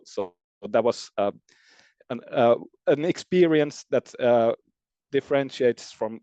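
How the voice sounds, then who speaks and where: A man's voice: medium pitch, a little mellow, smooth, dry recording. Male host, presentation style, hesitant delivery full of fillers, dull lo-fi recording. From born in Finland, grew up in Germany. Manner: hesitant, many uh fillers and restarts. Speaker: recruitment company CEO, webinar host. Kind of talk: presentation talk.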